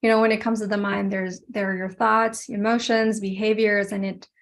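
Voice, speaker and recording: A woman speaking on an online panel over a video call, measured and thoughtful. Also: medium pitch, little pitch movement. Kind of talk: casual online panel talk.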